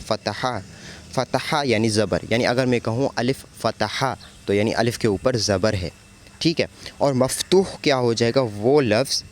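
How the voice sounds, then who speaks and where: A man's voice: mid-range voice, slight background noise. A man teaching a lecture on Arabic grammar terms, often asking a question and answering it himself while he repeats the key words. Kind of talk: explanatory lecture.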